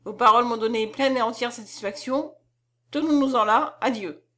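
A woman reading the lines of a reckless young gentleman who jokes, then speaks with passion and self-reproach. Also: fairly high pitch, normal speed. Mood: joking, evasive. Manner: impassioned, tries to joke it off.

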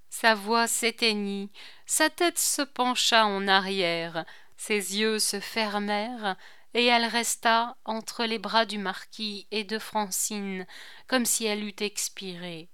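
A woman narrating a classic novel as an audiobook, in a measured, deliberate reading. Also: medium pitch, bright, forceful tone, clear, resonant tone, no room sound, clean studio sound.

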